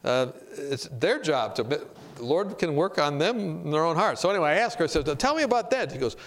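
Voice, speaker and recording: A man preaching in a conversational, animated way, telling a personal story to his audience. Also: on the high side, brisk. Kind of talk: storytelling sermon.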